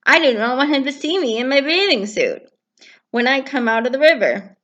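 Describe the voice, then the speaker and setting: A woman's voice: sits high, big pitch swings, fairly bright tone, pitched above the performer's own voice. A woman voicing a fussy, grumpy male toad who gets upset easily, in a storybook reading. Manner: whiny and indignant, drawn-out complaints.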